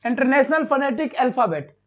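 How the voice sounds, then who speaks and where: A man's voice: extremely high pitch, big pitch swings, normal speed, a bit bright, highs cut off. A man teaching a live online exam-prep lesson, asking his students questions, repeating each one and fondly calling them "beta".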